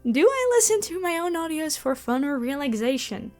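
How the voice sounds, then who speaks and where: A high-sitting voice with big pitch swings and a darkish tone belongs to a woman speaking at normal speed. She's an audio roleplay creator and channel host, chatting animatedly and self-effacingly with listeners like she's taking questions. Music plays behind her.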